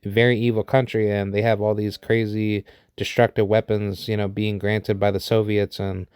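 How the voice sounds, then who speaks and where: A man's voice: fairly low pitch, flat delivery, normal speed, darkish tone, clean tone, dry recording, studio quality. A man in his thirties from the United States giving an unscripted opinion monologue. He rambles, with many fillers and restarts. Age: 30s. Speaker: vlogger sharing opinions.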